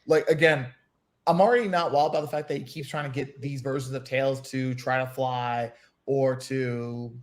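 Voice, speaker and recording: A man talking casually in an animated, ranting way, full of restarts and fillers. His voice sits at a middle pitch. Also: moderate pace. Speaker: podcast co-host. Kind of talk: casual chat.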